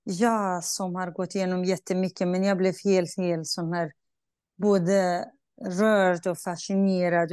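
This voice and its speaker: A woman's voice: fairly low pitch, a little mellow, clear, resonant tone, dry recording, studio quality. A woman interviewing a guest, asking emotional, empathetic questions with frequent restarts. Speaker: host. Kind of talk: conversational interview.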